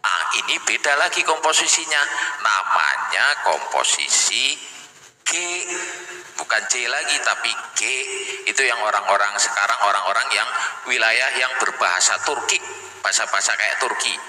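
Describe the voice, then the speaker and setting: A man giving an animated seminar talk and slipping into regional speech to act out quotes. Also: fairly low pitch, normal speed. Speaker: seminar speaker. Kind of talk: lecture with acted anecdotes. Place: university seminar hall. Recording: echoey hall with long reverb.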